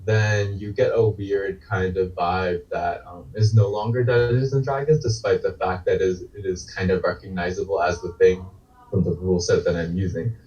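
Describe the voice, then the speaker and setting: A man's voice: low-pitched, steady tone, moderate pace, a little mellow. A man introducing himself on a panel in a loose, rambling way, full of "like". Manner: loose, rambling, many "like" fillers. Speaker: game designer panelist. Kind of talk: casual panel self-introduction. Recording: distant, dull lo-fi call audio.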